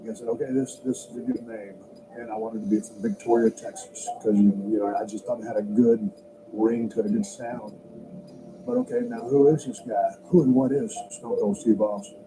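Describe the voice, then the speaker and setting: A man's voice: lowish voice, steady tone, fairly quick. Blunt, salty man telling his story. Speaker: interviewee telling his own career story. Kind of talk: documentary interview storytelling. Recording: noisy background hiss.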